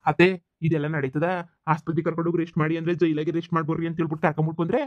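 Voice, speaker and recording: A man's voice: on the high side, flat delivery, very fast, dry recording, close to an everyday voice. A man voicing a doubtful, exasperated young man in a cartoon comedy, arguing back. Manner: skeptical, argues back. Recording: slightly dull lo-fi sound.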